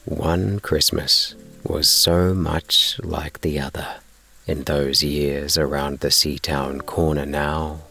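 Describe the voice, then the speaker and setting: A man narrating a bedtime sleep story in a soothing, unhurried, gently measured way. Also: extremely low pitch, level tone, vocal fry, faint music behind. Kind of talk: slow bedtime relaxation narration and story reading.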